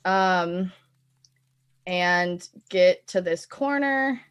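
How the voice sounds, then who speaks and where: A woman's voice: lowish voice, lively intonation, drawn-out words, smooth, faint music behind. A woman hosting and playing a tabletop game, chatty and playful. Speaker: player and show host. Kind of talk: casual tabletop game play.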